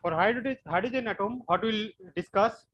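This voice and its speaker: A man from West Bengal with an Indian English accent, giving an online physics class and explaining slowly with frequent repetitions. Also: sits high, dull audio. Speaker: physics lecturer.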